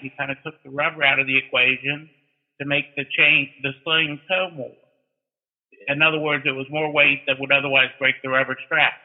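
A man with a slightly high voice speaks over a thin, phone-like connection. He explains practical trade details casually, in a folksy way, moving into anecdotes as an instructor would. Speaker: towing instructor and guest. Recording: thin, narrow-band phone-like line.

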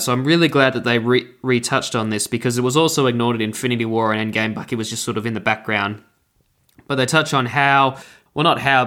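A man's voice: mid-range voice, fairly bright tone. A young man giving a casual, rambling spoken review of a TV episode, often stopping to correct himself. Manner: rambling, self-correcting, chatty.

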